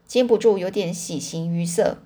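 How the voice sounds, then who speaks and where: A woman reading a children's novel aloud in a chatty way, pausing to explain words and correcting herself. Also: on the low side, dark tone. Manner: pauses to explain words to listeners; chatty fillers, self-corrections. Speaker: storyteller.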